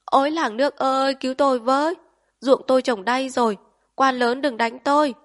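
A woman's voice: sits high, normal speed, pitched above the performer's own voice, natural voice. A woman voicing a shrieking terrified old woman. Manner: panicked shrieking plea. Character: elderly village woman, terrified, wailing.

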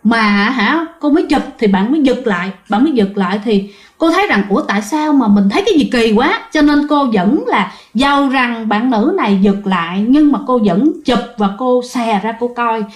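Brief: woman, fairly high voice, chatty storyteller talking to listeners, roomy echo. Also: lively intonation, moderate pace. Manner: chatty, addresses listeners directly, many fillers. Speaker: ghost story teller. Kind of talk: conversational storytelling.

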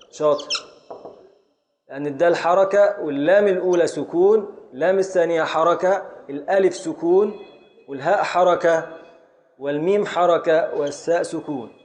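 Higher-voiced Egyptian sheikh teaching a class. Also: male voice, moderate pace, pauses often, darkish tone. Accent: Egyptian Arabic. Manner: quizzing students, scanning verse syllable by syllable. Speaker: Islamic scholar teaching Arabic grammar and prosody. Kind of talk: classroom lesson. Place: classroom with students.

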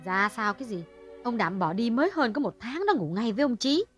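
A woman's voice: on the high side, animated, a little fast, faint music behind, natural voice. A woman voicing a gossipy younger woman who keeps asking questions in an audiobook. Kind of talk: audiobook dialogue reading.

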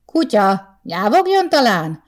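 A woman voicing a sharp-tongued old man in his seventies, a retired teacher, who fires quick retorts in an audiobook story. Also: mid-range voice, very animated, pitched above the performer's own voice, natural voice. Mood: retorting. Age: over 70. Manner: quick retorts, hissing back. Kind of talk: audiobook character voice.

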